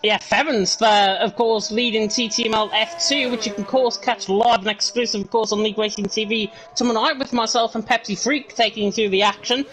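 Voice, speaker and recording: A man with a Northern English accent giving rapid play-by-play commentary on an online racing league, with chatty asides to viewers. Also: high-pitched, fairly even intonation, over music, poor audio. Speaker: lead commentator. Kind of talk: esports race commentary.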